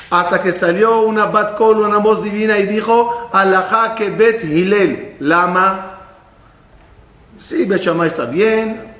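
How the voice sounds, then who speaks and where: Male rabbi-style teacher, lively storytelling lesson, roomy echo. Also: sits high. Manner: animated, acts out voices in stories.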